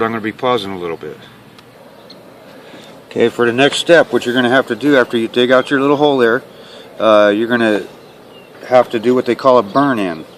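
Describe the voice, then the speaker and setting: A man giving a hands-on how-to demonstration in a plain-spoken, instructional way, often checking in with a quick okay. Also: medium pitch. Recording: clear ambient and handling noise.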